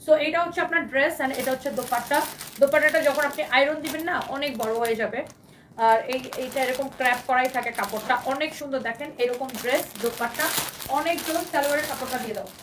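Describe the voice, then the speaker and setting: Fast, high-voiced hoarse woman selling dresses live. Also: fairly bright tone, recorded from a distance, a little hiss or hum. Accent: Bangladeshi Bengali. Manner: enthusiastic, repetitive, mixes English phrases. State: hoarse from shouting. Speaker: live-sale fashion seller. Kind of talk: live shopping sales pitch.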